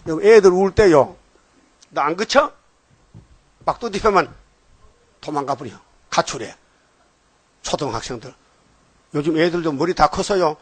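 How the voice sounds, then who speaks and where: A man's voice: fairly high pitch, animated, moderate pace, pauses often, breathy edge, dry recording. An older man giving an informal, rambling sermon, often checking on listeners with short questions. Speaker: preacher.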